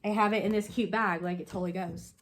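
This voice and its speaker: A woman with a sniffly, stuffed-up voice chats casually as a co-host. She talks in an ordinary middle pitch. She rambles and often restarts her sentences. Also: steady tone, fast talker, a little hiss or hum. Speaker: co-host showing cross-stitch projects. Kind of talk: casual chat.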